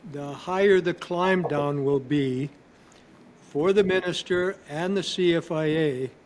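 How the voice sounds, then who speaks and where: A man hosting an interview, making his points in a measured way and reasoning them through. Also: a little high, a little hiss or hum. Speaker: host. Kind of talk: interview commentary.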